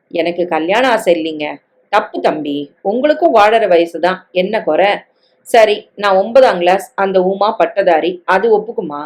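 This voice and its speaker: A woman's voice: mid-range voice, a little mellow. A woman reading a Tamil family novel aloud. She shifts her tone to voice each character's dialogue. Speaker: story reader.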